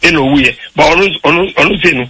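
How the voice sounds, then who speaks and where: Raspy male caller on a phone line. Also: fairly high pitch, moderate pace, sharp tone. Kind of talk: phone-in conversation.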